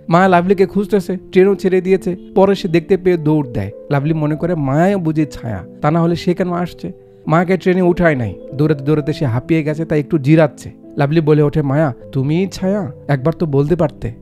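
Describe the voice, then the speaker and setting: A man's voice: on the high side, fast talker, a little mellow. A man retelling a film's story as a narrator, asking his listeners rhetorical questions. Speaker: movie recap narrator. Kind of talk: dramatic film retelling with acted dialogue. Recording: voice-over with music behind.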